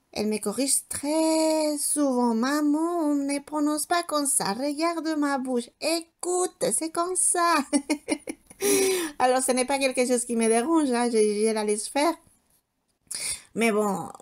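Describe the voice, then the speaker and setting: A woman's voice: a little high, a little mellow. A woman in her thirties from Spain with a Spanish accent, narrating her home vlog in a rambling way, often searching for words. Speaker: home vlogger. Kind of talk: casual voice-over chat.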